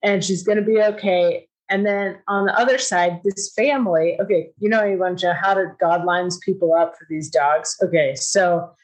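A woman's voice: lowish voice, fairly even intonation, normal speed, few pauses, rough recording. A middle-aged woman telling a personal story in a casual, chatty way, filling her talk with "like" and "you know" and acting out quoted lines. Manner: acts out quoted dialogue in a raised voice.

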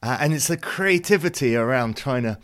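A man's voice: medium pitch, lively intonation, fairly quick, fairly bright tone. A man from the UK hosting a devotional youth ministry podcast, talking earnestly and conversationally with frequent fillers.

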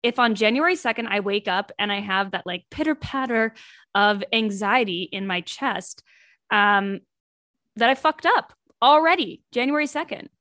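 A woman's voice: medium pitch, lively intonation, normal speed, sharp tone, no room sound, studio quality. Young woman, candid and reflective. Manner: reflective, candid, uses many likes. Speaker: podcast panelist, grad student. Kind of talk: casual podcast chat.

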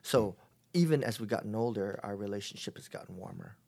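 A middle-aged man speaks as an interview guest in an easy conversational way. His voice sits low, and he often stops and restarts his sentences as he thinks. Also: lively intonation, gravelly, a little mellow. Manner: reflective, halting, with many fillers and restarts. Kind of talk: casual conversation.

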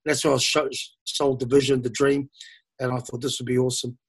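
A man's voice: medium pitch, little pitch movement, a little fast, husky, no echo. A man in his fifties from New Zealand, a former rugby player telling his career story in a rambling interview, full of fillers and restarts.

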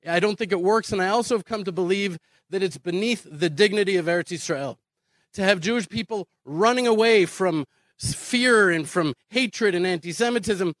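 Advocating immigration to Israel, an American speaker from Houston delivers an earnest, emphatic conference address full of repeated phrases and rhetorical questions. His voice sits high and fairly bright at a moderate pace, and the recording is dry.

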